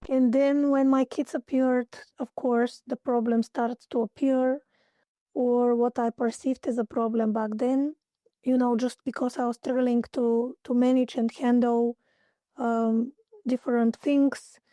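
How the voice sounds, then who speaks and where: A woman with a Bulgarian accent and a fairly high, warm voice talks through an interview. Her speech is halting, full of fillers and pauses while she hunts for English words. The sound is close and dry. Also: flat delivery, dry recording. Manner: hesitant, searching for English words, many fillers. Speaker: guest, holistic therapist. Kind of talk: interview answers.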